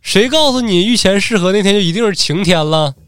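A man's voice: expressive, a little fast, fairly bright tone, clear, resonant tone, dry recording. A man voicing an old samurai's wife who wails and scolds her husband. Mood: scolding. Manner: scolding, shrill and wailing. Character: nagging wife of an old samurai, about sixty.

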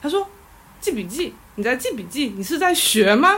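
A woman with a somewhat high voice tells a story on a live audio-chat show. She gets animated and exasperated and laughs through the telling. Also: normal speed, breathy edge. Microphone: live audio chat app.

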